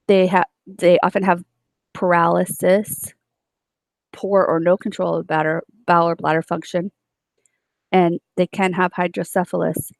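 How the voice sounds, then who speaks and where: Low, gravelly-voiced woman lecturing. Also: dry recording. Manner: explanatory, with frequent fillers and self-corrections. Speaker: nursing instructor. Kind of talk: recorded lecture.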